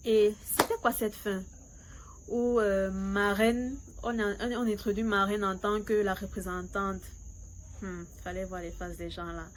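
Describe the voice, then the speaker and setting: A woman's voice: mid-range voice, fairly even intonation, unhurried, slight background noise, rough recording. A woman vlogger, speaking French as an in a casual, chatty opinion style, sometimes hesitant and switching into English. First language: not French; fluent in English. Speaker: YouTube series reviewer.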